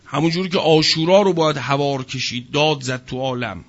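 A man's voice: on the high side, lo-fi sound. A man giving a sermon to an audience, emphatic and full of rhetorical questions. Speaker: religious speaker.

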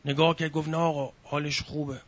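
A man's voice: a little high, little pitch movement. A man preaching a sermon, telling a religious story with feeling, sighing and crying out between the lines. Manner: emotive storytelling, sighs and cries out. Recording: dull lo-fi recording.

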